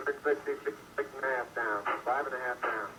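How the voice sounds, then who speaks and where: A man's voice: medium pitch, fairly even intonation. A man giving terse, clipped technical callouts over a crackly space radio transmission. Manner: clipped, rapid number readouts. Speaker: astronaut calling out a landing.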